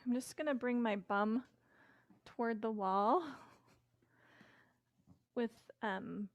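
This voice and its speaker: A middle-aged woman leads a yoga session with calm, gentle instructions and casual fillers. Her voice is a little high, recorded indoors on a close mic with a dry sound.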